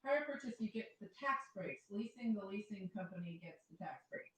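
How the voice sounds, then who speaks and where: A woman's voice: medium pitch, lively intonation, brisk, a bit bright, echoey room, low-quality recording. A woman co-hosting a live stream, casually chatting and reading viewer questions aloud.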